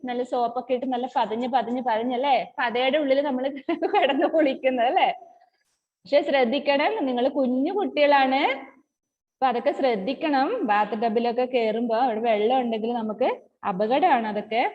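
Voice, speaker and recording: A woman teaching an online kindergarten class, chanting words slowly in a sing-song way and coaxing her young pupils to answer. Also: a little high, steady tone. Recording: dull lo-fi audio with long reverb.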